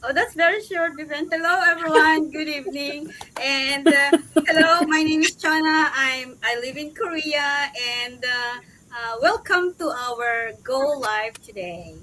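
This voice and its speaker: A woman's voice: high voice, unhurried, sharp tone, low-quality recording. A woman speaking as a guest on a casual live-stream chat, rambling and restarting her sentences.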